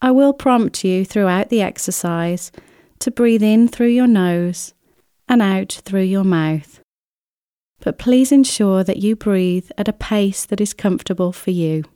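A woman guides a relaxation exercise in a mellow, smooth voice. She moves very slowly through each scripted instruction, gentle and soothing, leaving unhurried pauses. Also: mid-range voice, no echo, studio quality. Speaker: relaxation therapist guiding an exercise. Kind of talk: scripted guided relaxation, body scan meditation.

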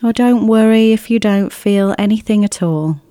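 A woman reading a scripted guided relaxation as a therapist, in a soothing, gentle way with long, unhurried pauses. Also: medium pitch, smooth, no echo, studio quality. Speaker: relaxation therapist guiding an exercise. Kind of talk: scripted guided relaxation, body scan meditation.

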